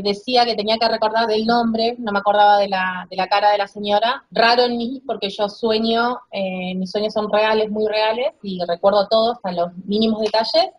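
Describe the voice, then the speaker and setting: A woman recounting a vivid dream in a casual, hesitant way, restarting her phrases. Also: mid-range voice. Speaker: client's wife recounting a dream. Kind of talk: casual storytelling.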